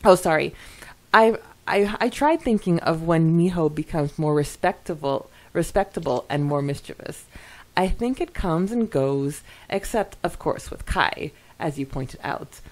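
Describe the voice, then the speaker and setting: On a rough recording, a woman co-hosting a podcast chats casually and reads listener comments aloud, speaking a little slowly. Her voice sits slightly low, and her manner is giggly and expressive, full of exclamations.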